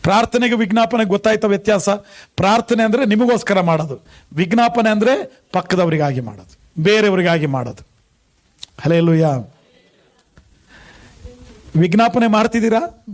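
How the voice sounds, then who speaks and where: Man, pastor, very high voice, Kannada accent, preaching, questions to the congregation. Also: normal speed, pauses often. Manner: preaching with frequent questions and hallelujahs. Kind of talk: sermon.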